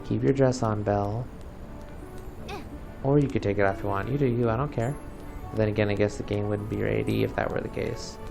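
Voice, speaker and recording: Game music plays under a man's off-camera voice-over as he plays a video game, offering casual commentary that's sarcastic and grumbling. He speaks a little fast in a lowish, gravelly voice with a steady tone.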